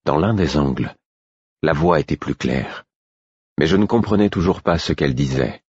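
Very deep-voiced husky male narrator. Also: animated, a little mellow, no echo, muffled recording. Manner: measured, introspective reading. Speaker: audiobook narrator. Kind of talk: scripted first-person narration.

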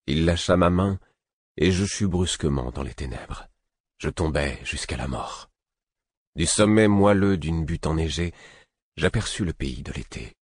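Low, husky man narrating first-person fiction, expressive and dry. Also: dry recording. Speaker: audiobook narrator.

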